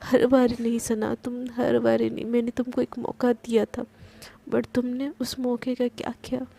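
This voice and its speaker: A woman's voice: a little high, level tone, normal speed, gravelly, warm tone. A woman voicing Palak, an angry young woman muttering resolutions to herself. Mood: bitter.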